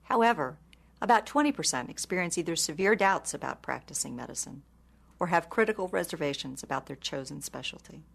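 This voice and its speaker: A woman giving a scripted educational presentation in an informative, measured way. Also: low voice, lively intonation, creaky, a bit bright, slightly rough. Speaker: expert presenter.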